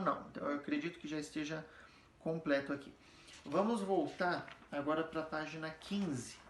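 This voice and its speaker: A man's voice: a little high, slight background noise. A man giving a casual music theory lesson, patiently explaining and often checking that the students follow. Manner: explains patiently, checks understanding with frequent tag questions; sings or chants example words slowly to demonstrate stress. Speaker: music teacher. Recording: echoey room.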